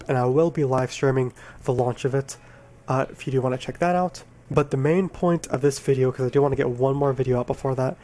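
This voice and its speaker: A man's voice: mid-range voice, a little hiss or hum. Groggy man talking through a game guide. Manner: relaxed, rambling, self-correcting explanations. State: groggy from being sick. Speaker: gaming video creator. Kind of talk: casual game guide talk.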